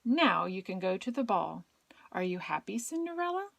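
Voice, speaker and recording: A woman's voice: mid-range voice, very animated, normal speed, creaky, a bit bright, dry recording, full character voice. Woman as fairy penguin godmother, kindly, instructing, children's storybook, read to a toddler, dry sound.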